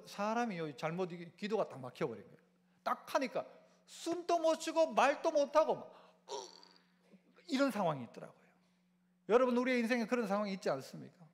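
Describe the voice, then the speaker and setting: A male pastor with a high voice and a Gyeongsang Korean accent preaches in a church sanctuary, where the hall gives a long reverb. In call-and-response style, he asks the congregation questions and has them repeat after him.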